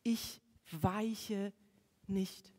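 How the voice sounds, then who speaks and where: A woman preaching a sermon, swinging between strong emphasis and hushed, whispered passages. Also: mid-range voice, steady tone, very slow. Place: church. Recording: long reverb of a church hall.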